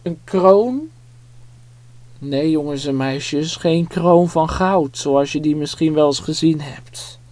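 Slow, dramatic children's Bible storyteller. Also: mid-range voice, a little mellow, dry recording. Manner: dramatic, vivid, addresses children directly.

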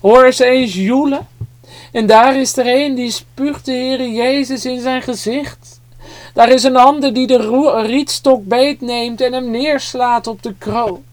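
Slow, dramatic children's Bible storyteller. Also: medium pitch, fairly even intonation, dry recording. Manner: dramatic, vivid, addresses children directly.

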